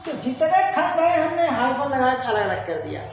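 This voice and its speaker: A woman's voice: high-pitched, sing-song, normal speed, soft background music. A woman teaching an English grammar lesson, drilling pronunciation with repeated quiz questions to her students. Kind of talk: classroom-style grammar lesson. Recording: very echoey room, faint background noise.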